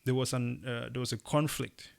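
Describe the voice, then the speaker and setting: Casting: young male co-host from Cameroon, gravelly voice, emphatic delivery with animated bursts. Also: medium pitch, normal speed. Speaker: podcast co-host. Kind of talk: casual opinion chat.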